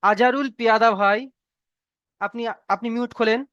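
A man's voice: very high-pitched, fairly even intonation, fairly bright tone, smooth, no echo, dull audio. A man teaching Arabic letters in an online class, patient and encouraging, stretching out the letter sounds to show how they should be read. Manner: patient, repeats praise and drawn-out letter sounds. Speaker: Quran reading teacher. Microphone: video call.

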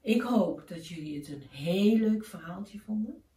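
A woman telling a children's bedtime story in a gentle, soft way, often dropping near a whisper. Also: medium pitch, expressive, a little slow. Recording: roomy, distant from the mic.

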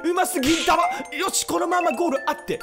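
A man giving excited video game commentary, often crying out and exclaiming. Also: extremely high pitch, fast. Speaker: gaming video host. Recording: loud game music behind the voice. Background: video game music.

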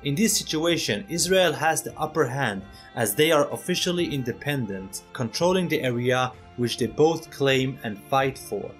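A man's voice: mid-range voice, expressive, moderate pace, few pauses. Earnest man making his case over faint music. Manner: earnest, persuasive, addresses viewers directly. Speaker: channel host. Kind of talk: opinion video voice-over.

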